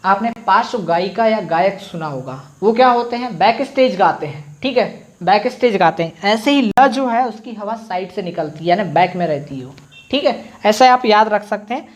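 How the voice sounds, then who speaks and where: A man with a fairly high voice teaches an exam-prep grammar lesson online. He poses questions and answers them himself. He repeats each sound slowly for viewers to try. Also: expressive. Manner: addresses viewers directly with frequent "theek hai".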